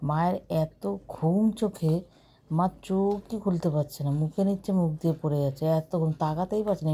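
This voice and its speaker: A woman narrating a casual home vlog as a caregiver, talking in a soft, coaxing way. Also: deep voice. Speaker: caregiver vlogger.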